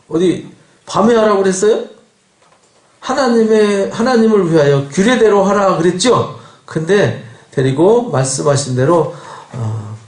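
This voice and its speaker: A man's voice: fairly high pitch, echoey room. A man pastor giving a Bible lecture sermon, acting out quoted dialogue and asking rhetorical questions. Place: church sanctuary.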